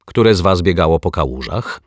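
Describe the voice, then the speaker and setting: Brief: man voicing a steady kindly detective in a children's story, low husky voice, matter-of-fact. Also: moderate pace, dry recording, clean studio sound. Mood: questioning. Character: calm, firm male children's detective. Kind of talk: audiobook character voice.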